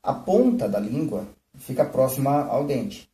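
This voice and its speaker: Man, flute teacher on a live stream, mellow voice, echoey room, mic a bit far. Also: mid-range voice, sing-song, measured pace. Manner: explains, often checking with "né?" and "tá?". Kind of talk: live-streamed music lesson. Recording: roomy, from a distance.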